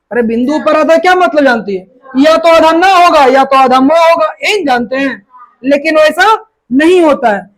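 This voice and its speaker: A woman's voice: sits high, low-quality recording. A woman teacher giving a classroom grammar lesson, repeating each word and quizzing her students.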